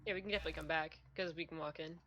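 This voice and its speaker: A woman's voice: sits low, steady tone, rapid-fire, fairly bright tone. A woman playing a tabletop game, chatting casually in and out of character in a matter-of-fact way.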